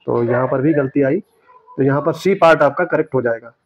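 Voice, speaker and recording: A man teaching, going through exam questions and correcting each answer step by step, repeating the right words slowly. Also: mid-range voice, a crowd in the background. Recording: dry, dull lo-fi sound.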